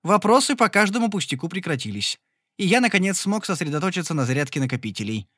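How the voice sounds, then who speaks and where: Expressive male audiobook narrator. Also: high-pitched, fast, no room sound, clean studio sound. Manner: expressive, exasperated storytelling. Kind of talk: first-person scripted fantasy narration.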